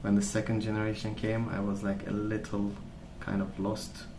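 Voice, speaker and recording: Soft-spoken and monotone, this young ASMR creator rambles at a lowish pitch, unhurried and gentle, seeming to think out loud. Clear background noise sits behind him in an echoey room.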